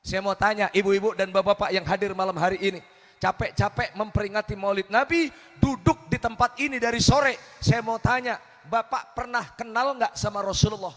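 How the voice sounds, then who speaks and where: A man's voice: high voice, fairly even intonation, brisk, fairly bright tone, in a large hall. A male preacher giving a humorous sermon, teasing the audience with questions. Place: religious gathering at night.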